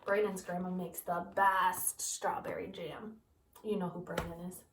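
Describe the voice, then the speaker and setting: A woman teacher with a lowish voice reads a picture book aloud to her students at a measured pace, animatedly asking them questions along the way. The recording is roomy and distant, with a little hiss or hum.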